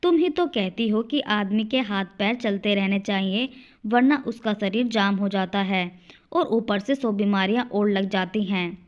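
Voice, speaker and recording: A gentle, meek old man over sixty, as a woman narrator voices him, speaking softly and consolingly at a middling pitch. The storybook audio is muffled and lo-fi. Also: measured pace, close to an everyday voice. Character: gentle meek elderly father-in-law.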